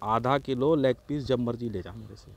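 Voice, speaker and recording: A man with a medium-pitched, somewhat dark voice and vocal fry talks at a moderate pace, spinning a crude story about his neighbourhood. The casual chat is full of swearing, he quotes his neighbours, and he keeps bursting into laughter.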